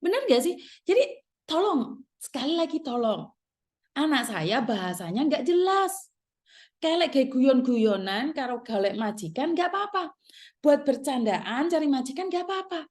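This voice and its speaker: Wanita tegas berlogat Jawa, suara tinggi. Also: female voice, sits high, sing-song, moderate pace, a little mellow. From Indonesia. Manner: firm, repetitive, emphatic. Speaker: channel host giving advice to migrant workers. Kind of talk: scolding monologue to viewers.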